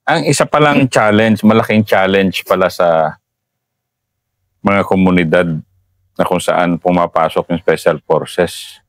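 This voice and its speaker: A Filipino man with a fairly low voice hosts an interview, drawing the points together slowly and deliberately. His follow-up questions are calm and measured. The recording is dry and close. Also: dry recording. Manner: slow and deliberate, sums up points and asks follow-ups. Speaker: interview host, retired colonel. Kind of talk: reflective interview talk.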